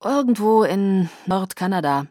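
A woman's voice: medium pitch, expressive, a little slow, a little mellow, dry recording, studio quality, natural voice. A woman doing a cheerful teenage werewolf boy. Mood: calm.

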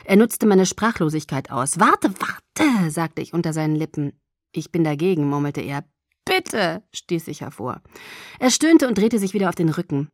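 A woman's voice: deep voice, expressive, a little fast, darkish tone, no echo, clean studio sound. A woman narrating a romance novel in the first person, reading expressively and acting out the dialogue. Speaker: audiobook narrator.

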